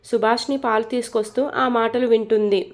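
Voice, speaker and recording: A woman narrating a romantic story with a steady, expressive reading. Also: fairly high pitch, brisk.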